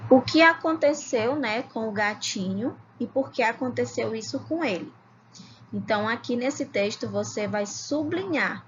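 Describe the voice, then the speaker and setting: A woman from Ceará teaching a children's video lesson, calling herself "tia" and sounding out words slowly, syllable by syllable. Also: a little high, highs cut off, slight background noise. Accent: Brazilian Portuguese, Ceará. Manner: slow, syllable-by-syllable reading, calls herself "tia". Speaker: primary school teacher.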